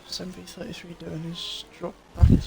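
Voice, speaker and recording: A man's voice: high-pitched, completely flat delivery, moderate pace, gravelly, background noise. A man co-commentating on an online sim race in a laid-back way, with dry asides. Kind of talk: casual live race commentary.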